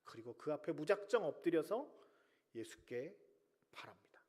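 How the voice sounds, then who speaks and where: A male pastor preaching a sermon, swinging between loud emphatic cries and hushed whispers. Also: a little high, very animated, moderate pace. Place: large church sanctuary. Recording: long reverb of a church hall.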